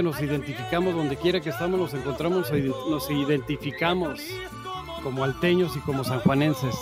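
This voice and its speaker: An older man from Jalisco with a Mexican accent, a songwriter talking earnestly in a casual interview, full of restarts, seated outdoors in a garden. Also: on the high side. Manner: earnest, halting with many restarts. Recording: music playing behind.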